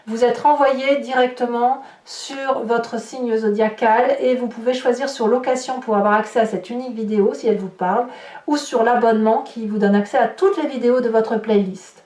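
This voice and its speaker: A woman hosting her channel gives an informal tarot reading, talking to viewers and thinking aloud through chatty, hesitant asides. Her voice is a little high, steady, moderately paced and slightly mellow. The mic is distant, producing roomy echo and noticeable hiss.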